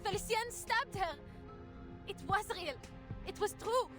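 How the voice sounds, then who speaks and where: A very high, young woman's voice, trembling between grief and defiance. She presses her accusations and insists on what she saw. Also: unhurried, music in the background. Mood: shaken. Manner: pleading, shaken, accusing. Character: distraught young woman investigator, grieving and defiant.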